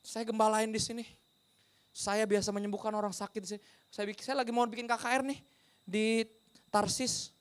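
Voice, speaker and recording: A man voicing a careless, boastful male preacher, talking in a breezy, offhand way in a raised, lively voice. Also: high-pitched, moderate pace, pauses often, smooth, pitched above the performer's own voice, close to an everyday voice. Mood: flippant. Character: smug careless male preacher, dismissive and flippant.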